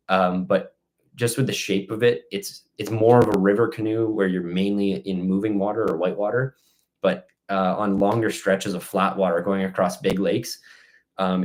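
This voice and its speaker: A man hosting a casual outdoor live-stream Q&A, reading out questions and giving rambling, stop-start answers. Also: low voice.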